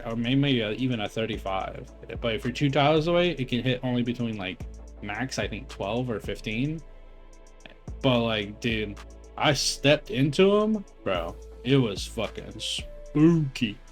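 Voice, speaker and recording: A young man talks over his gameplay footage in a loose, rambling way, full of filler words, restarts and swearing. His voice sits at an ordinary middle pitch and sounds slightly phlegmy from eating while he talks. Faint music plays behind him. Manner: rambling, profane, heavy on filler words and self-corrections. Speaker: gamer reviewing his own raid footage. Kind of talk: casual gameplay commentary.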